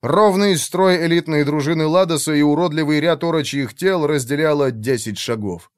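A man narrating a fantasy audiobook in a steady, expressive storytelling manner. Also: on the high side, moderate pace, smooth, no room sound, clean studio sound.

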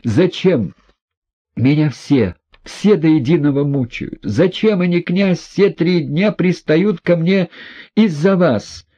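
A man's voice: a little high, expressive, slow pace, mellow, muffled recording, pitched above the performer's own voice. A man voicing an indignant, hysterical proud young woman who flings accusing outbursts.

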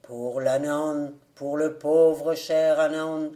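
A woman reads as a grim church beadle, a man who bellows his alms plea in a long, mournful drawl. The voice sits low and crawls, heavy and dark. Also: little pitch movement. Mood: lamenting. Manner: lamenting, drawn-out bellowing.

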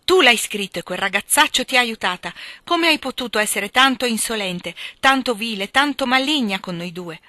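A woman's voice: mid-range voice, fairly even intonation, brisk, sharp tone, dry recording, lightly acted. A woman reading aloud and voicing a distressed, pleading young woman in a storybook reading. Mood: distraught. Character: gentle, tearful older teenage sister.

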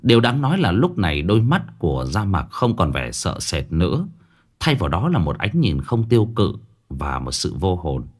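A man narrating a horror story in an expressive, dramatic storytelling style. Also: sits low, moderate pace, husky.

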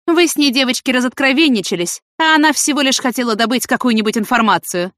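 A woman's voice: on the high side, animated, brisk, a bit bright, no room sound, clean studio sound, pitched above the performer's own voice. A woman voicing a stern, harsh female farm manager who scolds sharply. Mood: scolding.

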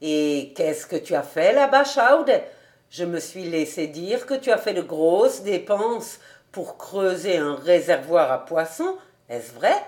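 A woman's voice: medium pitch, animated, a little slow, close to an everyday voice. Woman doing an old rabbi, heated and exclaiming. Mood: wry. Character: old male rabbi, fond, indignant.

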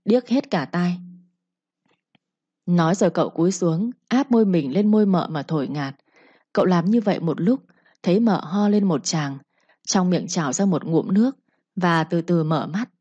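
A woman narrating a storybook in a steady, plain manner. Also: fairly low pitch, slightly rough, dry recording. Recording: dull, lo-fi, dry.

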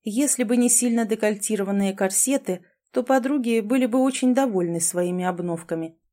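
A woman's voice: medium pitch, a little fast, dark tone. A woman narrating a fantasy storybook aloud. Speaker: audiobook narrator.

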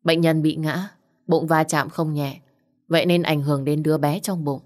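A woman's voice: low voice, little pitch movement, normal speed, darkish tone, close to an everyday voice. A woman voicing a doctor who gives bad news in a plain, formal way. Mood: grave. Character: hospital doctor, matter-of-fact.

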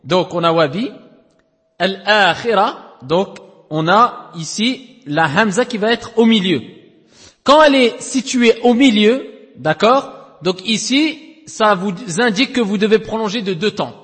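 Man teaching tajwid, high voice, reverby. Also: lively intonation, fairly bright tone. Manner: repeats each word slowly and checks understanding often. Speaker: Quran recitation teacher. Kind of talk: tajwid lesson explaining rules. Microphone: lo-fi audio recording.

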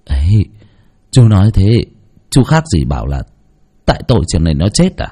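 A man's voice: sits low, sing-song, moderate pace, mellow, slightly rough, exaggerated voice. A man voicing a grumpy older village man who defends himself indignantly. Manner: indignant, protesting.

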